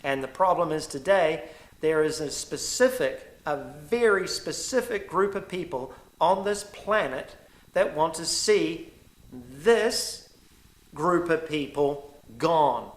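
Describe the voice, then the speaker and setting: A man's voice: on the high side, animated, slow, reverberant. A middle-aged man with a New Zealand accent giving an emphatic, indignant opinion monologue straight to his viewers, with rambling asides. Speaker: vlogger. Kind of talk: direct-to-camera opinion monologue.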